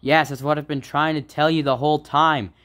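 A man voicing a goofy, excitable, suspicious suburban dad in an amateur sock puppet comedy. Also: fairly high pitch, brisk, close to an everyday voice. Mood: flustered.

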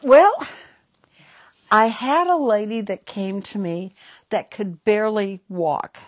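A woman's voice: medium pitch, takes it slowly. Southern woman telling a psychic story. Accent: Southern American. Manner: rambling storytelling with restarts and repeated words. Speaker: psychic host. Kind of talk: live stream talk and storytelling.

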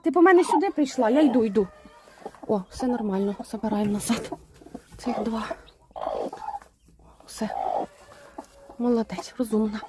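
A woman's voice: fairly high pitch, moderate pace, pauses often. A woman keeping a homestead, chatting casually while she coaxes and talks to her hens and geese in a poultry coop. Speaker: homestead keeper. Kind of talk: casual farmyard vlog. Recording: noisy farmyard with clucking hens.

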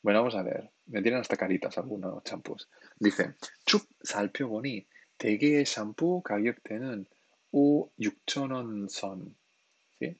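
Husky-voiced man teaching on a livestream. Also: fairly low pitch, quick pace, a little mellow, no room sound. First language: Spanish and Catalan. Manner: patient, explanatory, keeps checking in with "¿sí?". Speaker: Korean language teacher on a livestream. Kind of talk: live-stream lesson, reading chat questions.

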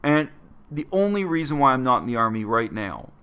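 A man's voice: mid-range voice, big pitch swings, fairly quick, bright, forceful tone, clean tone. A man, talking earnestly and bluntly to his webcam in a small bedroom. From Canada. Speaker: vlogger. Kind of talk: reflective personal monologue to camera.

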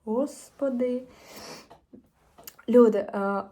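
A woman's voice: fairly high pitch, extremely slow, warm tone, dull audio. Teenage Ukrainian girl, chatty vlogger. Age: teens. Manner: chatty, rambling, many fillers and restarts. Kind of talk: casual chat to camera.

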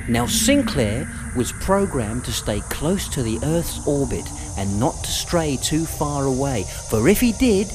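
A man narrating a children's audiobook in an expressive storytelling manner with dramatic pauses. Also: fairly high pitch. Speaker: voiceover artist.

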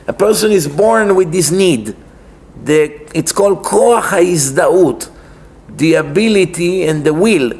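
This high-pitched, Israeli-accented rabbi speaks slowly, with lively intonation and a darkish tone. Seated at a lectern in a wood-panelled synagogue, he delivers a conversational religious lecture, explaining emphatically, asking rhetorical questions and repeating phrases.

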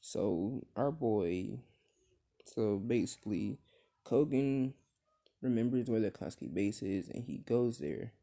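Slow, dark-voiced young man rambling a story. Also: lowish voice, expressive, gravelly. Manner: rambling, many fillers and restarts. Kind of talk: improvised fan-fiction storytelling.

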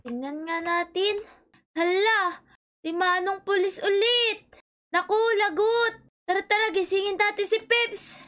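A woman hosting a playful game role-play, polite and excitable, fussing over her friend. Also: very high voice, a little slow.

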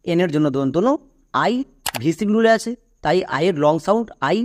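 A man with a high-pitched voice walks learners through pronunciation rules in a classroom-style lesson. He breaks each word into its letters and repeats each rule. He keeps asking the class questions to check that they follow. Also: animated, moderate pace, slight background noise. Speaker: English pronunciation teacher.

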